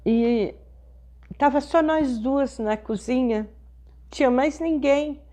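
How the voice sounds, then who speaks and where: A middle-aged woman pastor, telling a personal testimony in a sermon with slow, emotional storytelling. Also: high-pitched, mellow.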